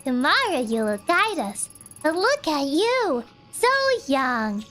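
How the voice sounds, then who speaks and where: Woman putting on a slow, creepy calm cultist mother. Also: sits high, soft background music, exaggerated voice. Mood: eerily serene. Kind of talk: reading video game dialogue aloud.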